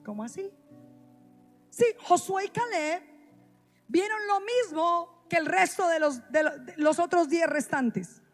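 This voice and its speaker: A woman preaching in a church with a high, bright-pitched voice. She speaks slowly and with emphasis, repeating key phrases and calling on the congregation to respond. Soft instrumental music plays faintly behind her. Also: expressive. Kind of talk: sermon. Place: church sanctuary.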